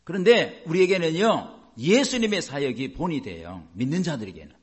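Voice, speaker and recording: A man preaching a sermon with a fairly high, very lively voice that swings up and down. He keeps asking the congregation questions and acts out short exchanges between people as he teaches. He delivers it like a pastor speaking to his church. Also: moderate pace. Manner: asks the congregation rhetorical questions; acts out little dialogues in changing voices.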